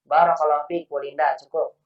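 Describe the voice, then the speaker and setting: A man's voice: on the high side, level tone, fairly quick, highs cut off. Patient man teaching, distant and echoey. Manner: patient, correcting students gently. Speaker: Arabic teacher. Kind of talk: online class teaching.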